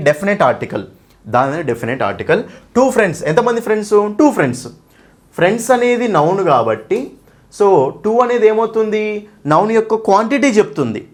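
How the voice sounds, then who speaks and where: A man teaching an English grammar class for exam preparation, asking questions and answering them himself. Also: sits high. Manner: asks questions and answers them himself, frequent "okay?" and "right?"; addresses students fondly as "nanna". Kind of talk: exam-prep grammar lesson.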